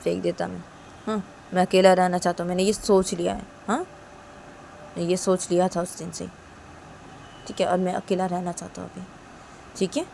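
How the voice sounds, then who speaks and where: A woman's voice: on the low side, little pitch movement, moderate pace, gravelly, long pauses, darkish tone, slight background noise. A woman voicing a hurt young woman who coldly pushes her lover away and repeats that she wants to be alone. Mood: stubborn. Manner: cold, accusing, repeats herself. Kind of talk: one-woman storytelling with voices.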